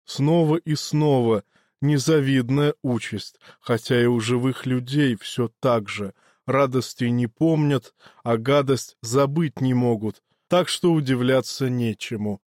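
A man reading a first-person audiobook story in a steady, measured way. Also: mid-range voice, no room sound, clean studio sound. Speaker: audiobook narrator.

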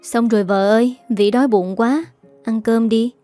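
A man's voice: very high voice, fairly even intonation, moderate pace, dark tone, soft background music. A woman voicing a young master who acts simple and childlike, talking in a coaxing way.

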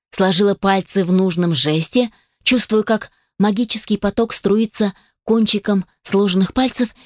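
A woman reading a fantasy audiobook as narrator in scripted narration, even and measured. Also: medium pitch, no echo, studio quality.

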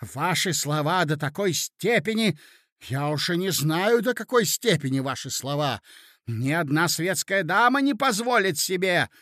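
A man voicing a young gentleman who speaks in a measured, reasoning way, trying to stay calm. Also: a little high, dry recording, clean studio sound, voice pushed up. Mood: indignant. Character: young gentleman nephew, nervous but composed.

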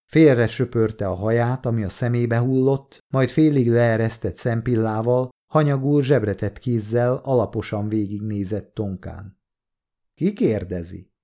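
A man reading an audiobook in calm, measured narration. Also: mid-range voice. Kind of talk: scripted narration.

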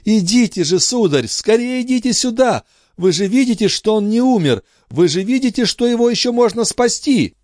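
A man's voice: expressive, normal speed, a little mellow, no echo, studio quality, close to an everyday voice. A man voicing a frantic entranced mother who cries out what she sees, in an audiobook. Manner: shrill, breathless, crying out. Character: frantic entranced mother, a woman seeing visions. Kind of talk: audiobook dialogue acting.

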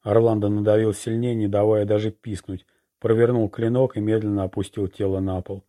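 Man, audiobook narrator, steady even reading, dark warm tone. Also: fairly low pitch, fairly quick. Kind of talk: scripted narration.

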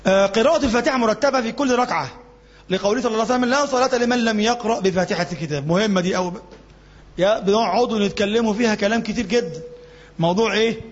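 A man's voice: sits high, very fast. A man with an Egyptian accent teaching a religious class in a mosque, speaking colloquially and quizzing his students. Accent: Egyptian Arabic. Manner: colloquial, asks the class questions and answers them, demonstrates chanting. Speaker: sheikh teaching jurisprudence. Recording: dull lo-fi recording with long reverb.

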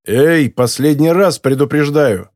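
A man's voice: a little high, unhurried, a little mellow, no echo, clean studio sound, close to an everyday voice. A man voicing a brash ex-soldier. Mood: angry. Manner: defiant, blustering. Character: brash hot-tempered former soldier, man. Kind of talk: audiobook character voice.

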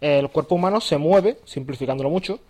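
A man's voice: fairly high pitch, fairly quick, dark tone. A man co-hosting a casual podcast, reading listener emails aloud in a chatty way. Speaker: podcast co-host.

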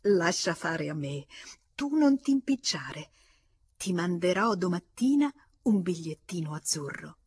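A woman reading an audiobook aloud, voicing a playful, affectionate young married woman who speaks in a soft, murmuring, coaxing way, with an Italian accent. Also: fairly low pitch, very animated, a little slow, slightly rough, dry recording, full character voice.

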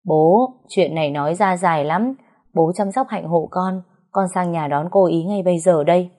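A woman's voice: fairly low pitch, dark tone, lightly acted. A woman voicing an anxious young husband who speaks politely and in a hurry to his father-in-law. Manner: polite, hurried, respectful.

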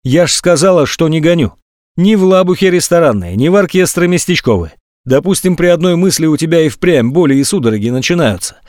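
A man's voice: mid-range voice, animated, a little fast, darkish tone, no room sound, studio quality, lightly acted. A man reading an audiobook, voicing a cold, blunt young woman who scolds her friend. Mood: scolding.

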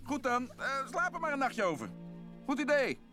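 A pushy, excitable raccoon con artist in an animated film dub. His pitch leaps all over as he sells his pitch. Film score runs clearly behind him. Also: normal speed, over music. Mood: coaxing. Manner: salesman-like, excitable, persuasive. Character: fast-talking scheming male raccoon hustler. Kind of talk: Dutch cartoon dub.

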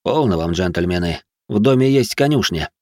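A man voicing a polished, learned male noble sorcerer who speaks in a slow, lecturing way. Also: sits low, expressive, darkish tone, no room sound, clean studio sound. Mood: measured.

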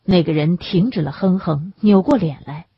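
A woman narrating an audiobook in a measured, even storytelling manner, recorded close on the mic. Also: lowish voice, husky, no room sound. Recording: dull lo-fi recording.

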